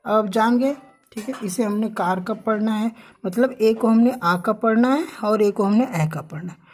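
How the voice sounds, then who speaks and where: A woman's voice: mid-range voice, moderate pace, a little mellow. A woman teaching English sounds, who spells out words letter by letter and asks questions that she then answers herself. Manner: repeats "ठीक है" often. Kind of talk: slow classroom explanation with questions.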